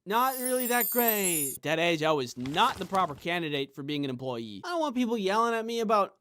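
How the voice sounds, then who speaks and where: A man's voice: high voice, very animated, a little fast, a bit bright, slight background noise. A man doing comedic vlog talk to camera, jokey and self-mocking. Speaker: YouTuber.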